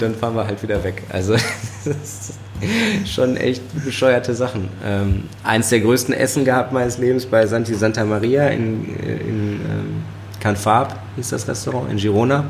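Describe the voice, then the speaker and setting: A chef and sommelier, a man with a Ruhr-area German accent, telling stories in a relaxed podcast conversation, often laughing and using many fillers. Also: mid-range voice, moderate pace, gravelly, slight background noise. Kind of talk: casual podcast interview.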